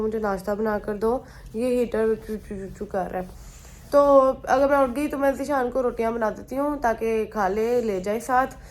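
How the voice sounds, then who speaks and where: A young woman chats to her viewers in a loose, rambling vlog style, her voice sitting a little higher than most. She is unwell with a slight fever, so the talk is relaxed and meandering, drifting between topics as she speaks from her bedroom. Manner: chatty, rambling, mixes in English phrases. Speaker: vlogger. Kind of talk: casual vlog chat.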